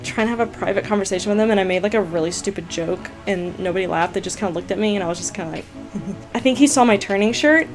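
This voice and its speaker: Chatty excitable young woman vlogger. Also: mid-range voice, quick pace, soft background music. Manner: chatty and excitable, heavy use of "like" and "you guys". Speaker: gaming YouTuber answering viewer questions. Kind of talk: casual storytelling to camera.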